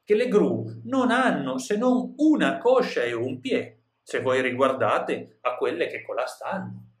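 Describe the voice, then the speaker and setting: A quick-witted, frightened young cook pleads with his lord in old-fashioned courtly speech, as a man reads him aloud. The voice rises and falls in a lively way. The room around it rings a little. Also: mid-range voice, roomy sound, lightly acted. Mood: pleading, witty. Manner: read aloud in old literary Italian, raised voice.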